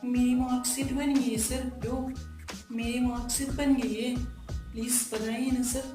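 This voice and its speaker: A man voicing Radha, an anxious young woman on the phone, pleading in a high, thin voice. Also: level tone, unhurried, echoey room, over music.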